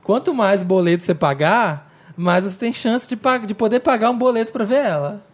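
A woman's voice: mid-range voice, brisk, slight background noise. A woman co-hosting a casual podcast chat, talking freely and swearing now and then. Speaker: podcast co-host.

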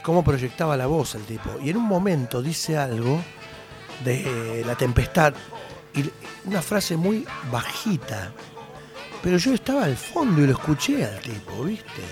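A man's voice: a little high, very animated, unhurried, over music. A middle-aged man with an Argentine Spanish accent, a singer chatting as a radio guest, telling stories with animation and trailing off into hesitations. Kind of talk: casual radio interview chat.

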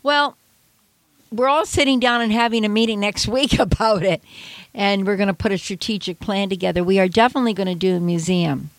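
A woman's voice: medium pitch, fairly quick, no room sound. An older woman from Canada, a radio interview guest, telling stories with energy and acting out her younger self. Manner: animated storyteller who acts out her past self, laughs often.

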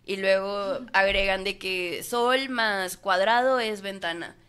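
A woman's voice: mid-range voice, slow pace, a bit bright. A woman on a casual podcast panel, patiently explaining languages she speaks.

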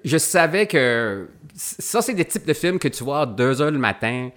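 A man's voice: mid-range voice, big pitch swings, moderate pace, fairly bright tone. A middle-aged English-speaking Canadian man, a guest actor, speaking French in a casual podcast interview with many fillers and restarts.

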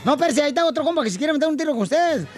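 Fast joking Mexican radio host. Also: male voice, very high-pitched, animated, soft background music. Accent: Mexican Spanish. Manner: fast, playful, laughing.

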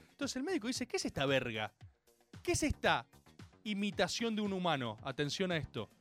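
A man with an Argentine accent giving a passionate monologue that builds to shouting, full of slang. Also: very high-pitched. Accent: Argentine Spanish. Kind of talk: passionate comic-book monologue.

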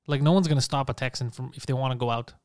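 A man hosting a casual comedy podcast, talking fast and teasing his guests with profanity. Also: mid-range voice, dry recording, clean studio sound. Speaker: podcast host.

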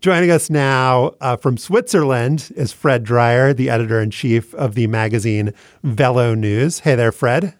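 A man's voice: mid-range voice, unhurried, no room sound, studio quality. A man hosting a podcast in a conversational presenting style, with a dryly joking manner. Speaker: podcast host.

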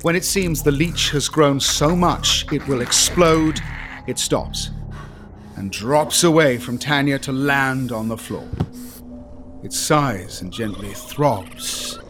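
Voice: mid-range voice, slow pace, over music. A storyteller giving a campy, melodramatic comic narration of a gruesome tale.

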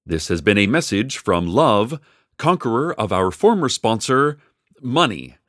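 An actor playing a wry male community radio host in a scripted radio drama, speaking in a dry, deadpan way. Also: measured pace, dry recording. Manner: dry, deadpan delivery with lively swings in pitch.

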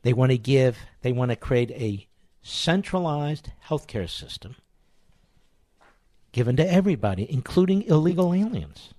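A man's voice: mid-range voice, expressive, normal speed, warm tone, no room sound, studio quality. An older American man delivering an impassioned political monologue as a talk host, emphatic and sarcastic, with rhetorical questions and repeated phrases.

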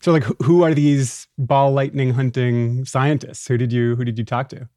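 A man's voice: mid-range voice, fairly even intonation, moderate pace, dark tone, no echo, clean studio sound. A man hosting a podcast in a casual interview style, asking questions conversationally. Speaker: podcast host.

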